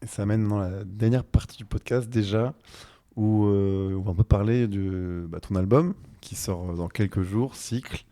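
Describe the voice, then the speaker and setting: Man, podcast host, interviewer, very deep voice, warm tone, filler-laden questions. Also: a little slow.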